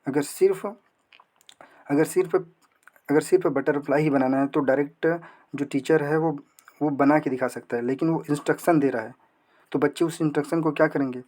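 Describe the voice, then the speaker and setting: A young man teaching an exam prep lesson, asking questions and answering them himself, reading English text slowly. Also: a little high, steady tone, a little mellow.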